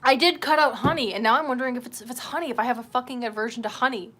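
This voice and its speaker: A woman's voice: fairly high pitch, very fast, bright, forceful tone, slight background noise. A woman livestreamer venting in casual chat, swearing freely and rambling with lots of fillers. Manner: profane, exasperated venting with many fillers.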